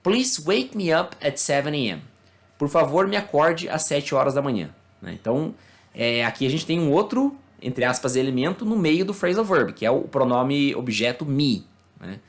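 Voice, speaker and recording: A Brazilian man teaches English in a relaxed, conversational way, a native Portuguese speaker whose pitch sits in an ordinary middle range. He explains things slowly, restarts his phrases, and keeps checking in with little tag questions. It sounds like a casual online class.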